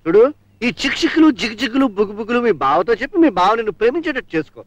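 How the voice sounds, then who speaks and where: An actor playing a fussy, scheming rich father in a comedy film, who talks fast and keeps repeating a tag word. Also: extremely high pitch, sing-song, no echo, heavily acted. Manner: chatty, fussy, ends lines with a tag word. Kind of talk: 1980s film comedy acting.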